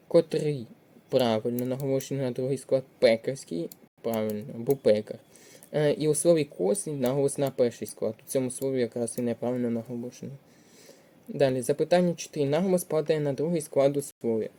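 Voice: mid-range voice, mellow. A tutor walking through exam test answers, reading each option aloud with frequent hesitation sounds and checking it step by step. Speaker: language tutor. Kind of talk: exam prep walkthrough.

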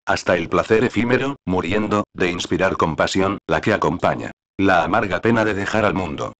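A man reading the part of a cruel, scheming nobleman in a play, in slow, solemn verse. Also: deep voice, expressive, fairly bright tone. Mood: menacing.

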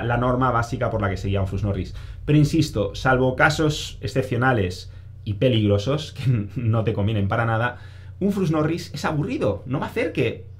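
A man, giving a casual self-help monologue to camera, stressing points by repeating phrases and answering his own questions. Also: medium pitch.

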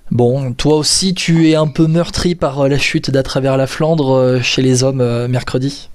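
A man hosts a casual podcast in a voice of ordinary pitch. He talks loosely and hesitantly, filling gaps with fillers and restarting his sentences. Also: fairly even intonation, measured pace, darkish tone. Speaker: podcast host.

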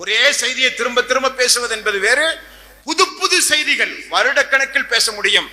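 A man delivers an Islamic sermon, pressing his points with repeated phrases and rhetorical questions. His voice sits high and sounds sharp and piercing. It carries a long reverb, as if spoken in a large hall. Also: moderate pace. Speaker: preacher.

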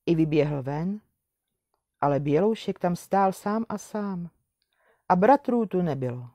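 A woman reads a classic fairy tale aloud, calm and measured. Her voice is low and mellow, and the recording is close and dry with no room sound. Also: dry recording. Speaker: storyteller.

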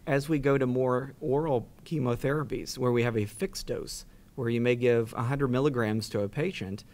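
A man's voice: mid-range voice, a little mellow. A middle-aged man on a studio panel, explaining in a plain way with some fillers. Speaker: oncologist on a panel. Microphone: desk mic.

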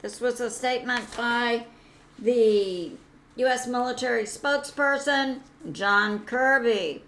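A woman hosts her own commentary channel and talks through the news alone. Her delivery is slow and halting, full of fillers and mid-sentence corrections. Her voice sits somewhat high for a woman. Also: a bit bright. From United States. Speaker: channel host.

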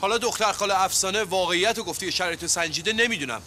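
A man's voice: high voice, pushed and bright, a little hiss or hum. An actor playing an easygoing young male tenant and nephew who dodges and soothes with evasive talk. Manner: evasive, soothing, talks his way out. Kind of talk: Persian TV comedy series acting.

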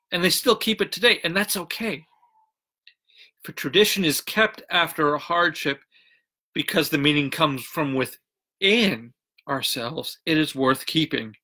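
Bright-voiced pastor reading jokes. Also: male voice, on the high side. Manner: chatty, greets online viewers by name. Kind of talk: livestreamed sermon and joke reading.

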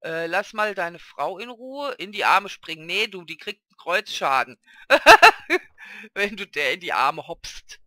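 A man's voice: high-pitched, animated, moderate pace, few pauses, sharp tone, no room sound, studio quality. A man hosting a casual Let's Play, chatting and talking fondly to the characters on screen. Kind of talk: casual gameplay commentary.

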